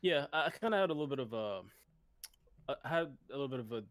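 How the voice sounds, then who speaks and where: A man's voice: mid-range voice, expressive, fast talker, a bit bright, dry recording. A man co-hosting a casual gaming podcast, easygoing, running down the week's topics with fillers. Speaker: podcast co-host.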